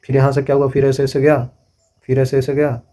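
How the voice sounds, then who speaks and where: A middle-aged man gives a classroom physics lecture, explaining with everyday examples and checking understanding repeatedly. He speaks fast in a monotone, his voice medium in pitch and dark in tone.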